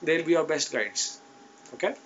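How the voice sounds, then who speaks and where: Speaking at a moderate pace with lively intonation, this online-class interview coach has a fairly high, fairly bright male voice and an Indian accent. Slight background noise is present as he gives students emphatic, no-nonsense, informal guidance and frequently checks in with them.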